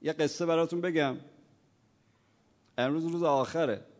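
A man preaching a sermon, telling stories with acted-out dialogue and rising into loud, impassioned passages. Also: on the high side. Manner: swings from quiet storytelling to loud impassioned preaching. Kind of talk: sermon with storytelling. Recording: long hall reverb.

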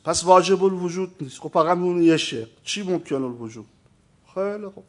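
A man with a notably high voice delivers a theology lesson. He argues emphatically and keeps turning to his audience with questions, pressing each point home. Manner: addresses listeners as "sir". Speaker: religious teacher. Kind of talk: lecture on theology.

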